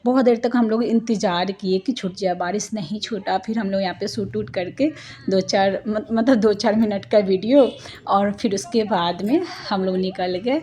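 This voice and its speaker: A woman's voice: medium pitch, normal speed, warm tone. A woman in her thirties from India, narrating her family vlog in a chatty, rambling way full of homely asides. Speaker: family vlogger, mother.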